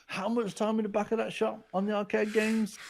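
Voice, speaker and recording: His voice is high-pitched and fairly quick, with vocal fry. He's a guest author in his forties on a casual podcast, an animated storyteller who performs the quotes in his anecdotes.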